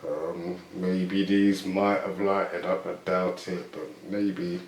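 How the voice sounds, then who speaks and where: Speaking slowly in a deep, fairly flat voice, a man shows off vintage items in an echoey room with slight background noise. His presentation is off-the-cuff and unsure, full of guesses.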